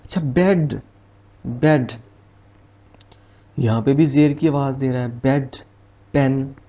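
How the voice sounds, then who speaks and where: A man's voice: mid-range voice, takes it slowly, mellow. A man teaching an English vowel lesson, patiently explaining and repeating each example word one at a time. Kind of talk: slow spoken English lesson. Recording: dull lo-fi recording.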